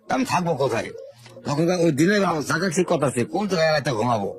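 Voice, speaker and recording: This older man from Sherpur, Bangladesh, talks fast in a slightly high, expressive voice while narrating his life story for an interview. His telling is rustic and unhurried, with repeated words.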